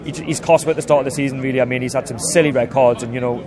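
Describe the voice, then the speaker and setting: A man's voice: mid-range voice, fairly even intonation. A man giving a decisive football opinion on the street. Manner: rapid, decisive. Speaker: football fan interviewee. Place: outdoors on a busy street. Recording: crowd chatter behind.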